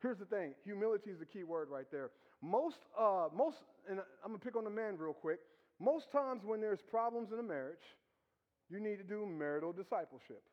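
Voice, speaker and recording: A man preaching with a high voice, teasing and conversational as he works the congregation with rhetorical questions. His sermon rings out in a church hall with a long reverb and a dull, muffled tone. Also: animated, fairly quick. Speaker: pastor.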